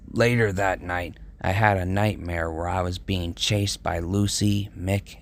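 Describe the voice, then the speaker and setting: A man narrating a first-person horror story in a measured, grim storytelling manner. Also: sits low.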